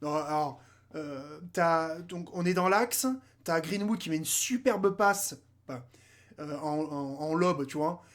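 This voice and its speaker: A football fan commentator with a slightly high voice gives a casual debrief at a slow pace. He talks animatedly in slang, speaks straight to players and viewers, and mocks the rival side.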